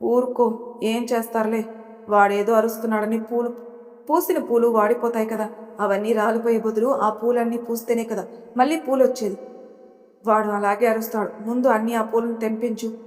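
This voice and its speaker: A woman's voice: a little high, level tone, moderate pace, darkish tone, natural voice. A woman voicing a bossy, doting old grandmother in a storybook tale, who scolds and coaxes. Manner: scolding, coaxing. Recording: long hall reverb.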